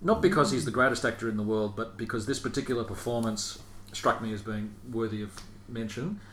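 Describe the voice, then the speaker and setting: A man with a medium-pitched, slightly bright voice hosts a casual chat podcast, talking a little fast. He rambles and hesitates, chuckling as he reads aloud, in an echoey room with faint hiss.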